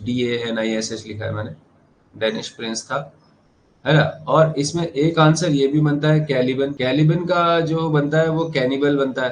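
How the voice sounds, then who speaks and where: Male exam lecturer, medium pitch, reading questions slowly. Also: a little hiss or hum, rough recording. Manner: explains in Hindi, reads questions slowly in English. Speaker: teacher.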